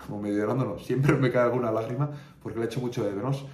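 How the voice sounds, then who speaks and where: A man's voice: medium pitch, steady tone, fast, a little mellow. A young man from Navarre in Spain, an online fitness coach, talking casually and candidly to the camera, dropping "tío" and "¿sabes?" as he goes. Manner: colloquial, candid, peppers speech with "tío" and "¿sabes?". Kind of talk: casual confessional chat. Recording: roomy sound, mic at a distance, faint ambience.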